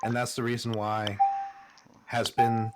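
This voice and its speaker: A man's voice: medium pitch, completely flat delivery, a little slow, heavy background noise. A man streaming casually, reading a self-help book aloud and mocking it with sarcastic asides. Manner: sarcastic, mocking the text with laughs. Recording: loud music behind the voice.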